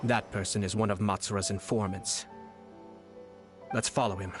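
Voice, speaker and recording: A man acts out a young noble strategist from an anime game. His voice is on the low side, measured and articulate, with a composed, calculating manner, over music. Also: steady tone, lightly acted. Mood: calm, calculating. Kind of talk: anime video game voice acting.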